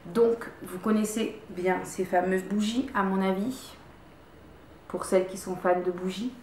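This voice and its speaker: A woman's voice: medium pitch, fairly even intonation, a little slow, darkish tone, roomy sound, slight background noise. A woman vlogger casually reviewing her favorite products at home, chatty, repeating words and stopping to restart often. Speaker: beauty vlogger. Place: room at home.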